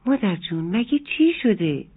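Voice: mid-range voice, big pitch swings, slightly rough. A narrator voicing a sweet, obedient little girl in a children's story, asking polite, wondering questions. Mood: curious, sweet. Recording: narrow phone-like sound, faint music.

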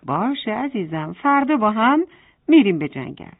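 A woman voicing a gentle, caring mother turtle in a bedtime story, soft and soothing. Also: fairly high pitch, very animated. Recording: tinny phone-like sound.

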